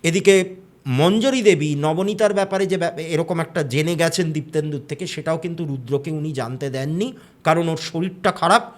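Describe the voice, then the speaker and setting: A man telling a horror story in a casual, conversational way, with fillers and short bits of quoted dialogue. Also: on the high side.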